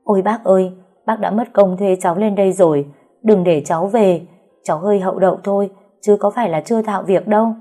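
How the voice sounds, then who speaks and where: A woman's voice: mid-range voice, a little fast, warm tone, faint music behind, close to an everyday voice. A woman doing a whiny young maid. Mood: pleading. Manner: pleading, coy whining. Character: young wheedling housemaid girl.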